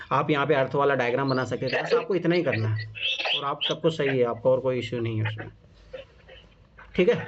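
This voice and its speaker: A man coaching students on answer writing, casual and encouraging, repeating his reminders. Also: mid-range voice. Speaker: exam coach reviewing answer copies. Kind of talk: informal coaching talk. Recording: muffled lo-fi sound with clear background noise.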